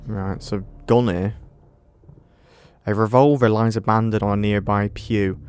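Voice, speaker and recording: Man reading game text haltingly. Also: on the low side, fairly even intonation, darkish tone, smooth, faint music behind. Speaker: let's play gamer. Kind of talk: casual gameplay commentary.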